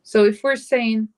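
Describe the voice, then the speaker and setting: A woman's voice: on the high side, a little mellow. A woman teaching a live online Arabic class, explaining grammar patiently and switching between English and Arabic. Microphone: computer mic on a live stream.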